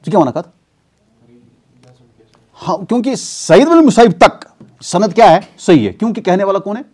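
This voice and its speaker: A man's voice: a little high, a little mellow. A man teaching a weekly class in a mosque, asking his students rhetorical questions and answering them himself. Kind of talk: classroom lecture on hadith terminology.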